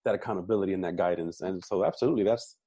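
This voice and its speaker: A man's voice: deep voice, racing, dark tone, slightly rough, no room sound. A man hosting a fitness podcast, chatting casually and affirming his guest, often repeating words as he thinks. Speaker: podcast host and coach. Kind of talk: casual interview chat.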